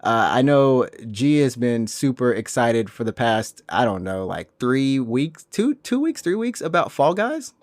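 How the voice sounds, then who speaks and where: A playful young man hosts a casual gaming podcast. He laughs often and sometimes leaps into a squeaky joking voice. His voice sits at an ordinary pitch and is recorded close and dry. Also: sing-song, a little slow, few pauses, no room sound. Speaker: podcast host.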